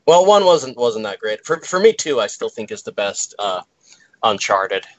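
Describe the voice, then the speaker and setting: A man's voice: lowish voice, big pitch swings, moderate pace, no echo, low-quality recording. A man giving his opinion as a guest on a casual panel, hesitating and restarting as he thinks aloud. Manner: hesitant, many fillers and restarts.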